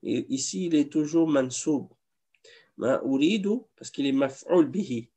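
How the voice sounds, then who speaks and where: A man teaching Arabic grammar to a class. He speaks slowly and patiently in a gravelly voice that sits a little high. He repeats every example so his students can follow. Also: warm tone. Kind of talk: classroom lesson. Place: mosque classroom.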